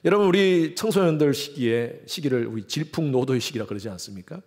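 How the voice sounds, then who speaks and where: A man's voice: fairly high pitch, expressive, fairly quick, darkish tone. A man preaching a Sunday sermon in a church, putting questions to the congregation and acting out the voices of the people he quotes. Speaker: pastor. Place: church sanctuary.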